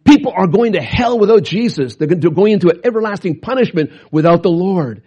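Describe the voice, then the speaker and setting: Husky preacher, animated. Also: male voice, brisk, lo-fi sound. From Canada. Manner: animated, excitable, jumps up and down in pitch. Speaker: pastor. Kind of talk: storytelling sermon.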